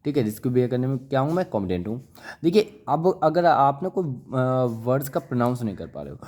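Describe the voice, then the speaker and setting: Male teacher, mid pitch, classroom lecture, drills words and quizzes students with constant questions. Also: very animated, fairly quick, darkish tone. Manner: coaxing, calls listeners brother and child. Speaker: English vocabulary teacher.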